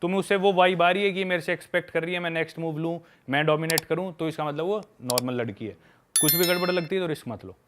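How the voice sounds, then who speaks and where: A young travel-video maker, guesting on a podcast, talks quickly in a voice on the high side while telling stories from his trips against a noisy background. He's frank and lively, calls the listener "brother," and keeps the storytelling casual.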